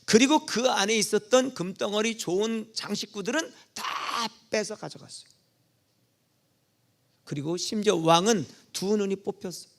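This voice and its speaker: A man preaching a Sunday sermon in a church, telling the story vividly, asking questions and answering them, dropping to soft asides and rising to loud calls. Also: moderate pace. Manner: animated storytelling, asks and answers own questions; swings between soft low asides and loud exclamations. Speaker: pastor. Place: church sanctuary.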